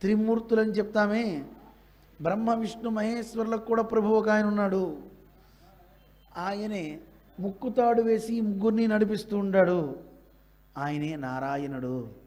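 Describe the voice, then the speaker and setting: A man's voice: high-pitched, a little slow, long pauses, a little mellow. A man voicing a stern, authoritative male god of death, speaking in a solemn, instructing way.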